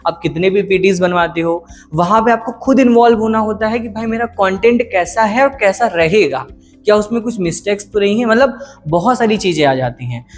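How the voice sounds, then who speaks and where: A man presenting a promotional studio walkthrough in an upbeat sales-pitch manner, recorded in a soundproofed studio. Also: brisk, faint music behind. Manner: upbeat sales pitch, mixes in English terms. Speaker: product presenter.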